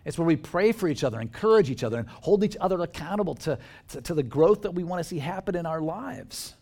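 A man's voice: a little high, animated, fast talker, a little mellow. A male pastor giving a sermon, earnest and emphatic, building his points through repeated lists.

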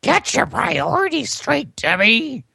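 A woman's voice: high-pitched, sing-song, slow pace, gravelly, pushed and bright, slightly rough, dry recording, clean studio sound, exaggerated voice. A woman voicing a cold, scornful witch who speaks in cutting, dismissive lines.

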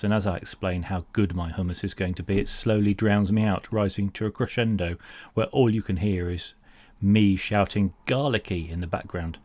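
A man's voice: fairly low pitch, darkish tone. A British man delivering a comedic rant as a monologue, mock-pompous, sarcastic and exasperated. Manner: mock-pompous, grandiose phrasing. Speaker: humorous monologue host.

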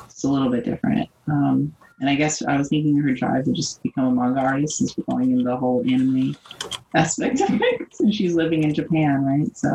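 A woman's voice: very deep voice, brisk, vocal fry, warm tone, poor audio. A woman playing in a tabletop game, thinking aloud about her character in a hesitant, giggly way. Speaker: player. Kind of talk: casual tabletop game chat.

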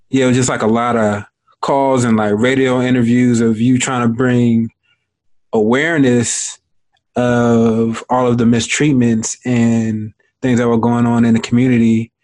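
A man's voice: medium pitch, a little mellow. A young adult man hosting an interview, talking casually with lots of fillers and informal slang. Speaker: interviewer, host. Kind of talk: casual conversation.

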